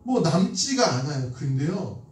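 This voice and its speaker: A man's voice: on the high side, big pitch swings, a little slow. A man preaching a sermon in a church. He tells stories conversationally, asks the congregation questions and acts out the lines of the people in his stories. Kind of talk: sermon with storytelling. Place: church sanctuary. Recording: echoey hall from a distant mic.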